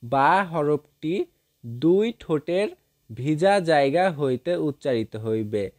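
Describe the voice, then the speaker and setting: A man's voice: a little high, animated, slow pace, a little mellow. A man teaching how to pronounce letters, drawing out each sound and repeating it for listeners to follow. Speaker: Quran reading teacher. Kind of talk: slow step-by-step recitation lesson.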